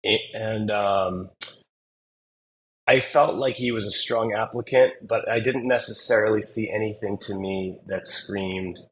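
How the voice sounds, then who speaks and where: A man with a fairly low voice tells stories as an admissions consultant. He talks in a loose, conversational way, full of "uh"s, repeats and quick restarts. His pitch climbs as the anecdotes get livelier. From Singapore. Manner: animated storyteller with many fillers and restarts. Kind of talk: casual interview storytelling.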